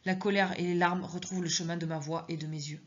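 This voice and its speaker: A woman with a lowish voice reading her own suspense story in the first person. Her narration is measured and tense. The recording is dull and lo-fi. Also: steady tone.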